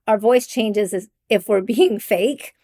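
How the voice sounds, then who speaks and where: Middle-aged woman, sincere solo podcast talk, ums and little laughs, mid-pitched voice. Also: slow pace. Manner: earnest, with frequent ums and soft laughs; mimics raised greeting voices. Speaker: podcast host and life coach.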